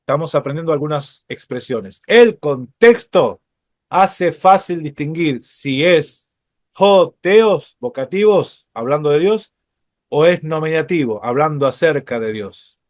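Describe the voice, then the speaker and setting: A male Bible teacher lecturing at an unhurried, deliberate pace in a somewhat high voice. He explains patiently, pausing on fillers and checking in with his listeners. The sound is dry and close. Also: animated, dry recording.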